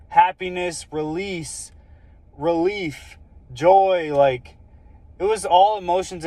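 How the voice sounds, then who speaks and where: A man's voice: a little high, a little mellow, no room sound. Earnest rambling young man telling a story. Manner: earnest, rambling, many fillers like "like" and "um". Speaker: vlogger sharing a personal story. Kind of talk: casual personal storytelling.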